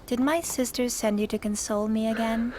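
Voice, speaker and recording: A woman's voice: fairly high pitch, steady tone, brisk, a little mellow, slight background noise, lightly acted. A woman acting a lonely, hurt younger-sister pony princess in a radio drama, with a plaintive delivery. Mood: sad, lonely.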